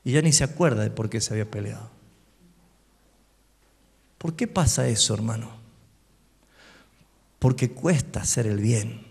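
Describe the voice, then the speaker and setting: A man with an Argentine Spanish accent preaching a sermon as pastor, swinging between quiet asides and loud calls for the congregation to repeat after him. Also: mid-range voice, measured pace, gravelly, long pauses, husky. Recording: long hall reverb.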